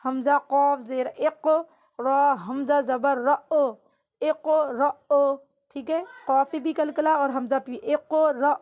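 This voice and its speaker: A woman teaching Quran reading, spelling out syllables slowly and dragging them out, then giving quick explanations in a Pakistani Urdu accent. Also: sits high, fairly even intonation, a little mellow. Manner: slow drawn-out syllables, brisk asides.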